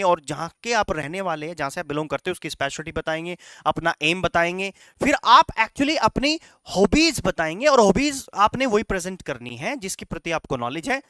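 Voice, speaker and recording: A man's voice: high-pitched, a bit bright, clean tone, dry recording, clean studio sound. A man coaching students in a lecture, mixing English phrases into his Hindi, calling them "beta" and checking in with "right?" after each point. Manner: instructive, repeats "right?" and "चलेगा" to check in; calls the students "बेटा". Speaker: coaching teacher. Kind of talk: classroom lecture.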